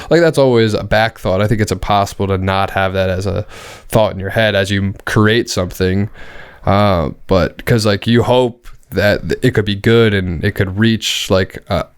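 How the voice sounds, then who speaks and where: Deep, clear-voiced man in casual talk. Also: steady tone, normal speed, no room sound, clean studio sound. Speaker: podcast co-host. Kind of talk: casual chat.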